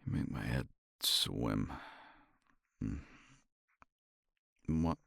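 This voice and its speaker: A man offers tender comfort to a partner in intimate, soft-spoken romantic ASMR roleplay, speaking close to the mic. The voice is very deep and gravelly, expressive and very slow, a bit bright, and free of room sound.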